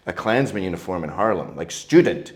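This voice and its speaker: A man's voice: deep voice, expressive, a little fast. A middle-aged man, telling stories as an interview guest in a crude, joking, provocative way. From Canada. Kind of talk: casual interview storytelling.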